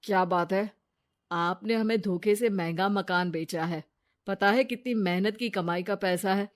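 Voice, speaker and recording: A woman plays a stern, suspicious husband in a cartoon story, with a voice dropped a little lower and kept firm. He speaks plainly and with distrust. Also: unhurried, natural voice.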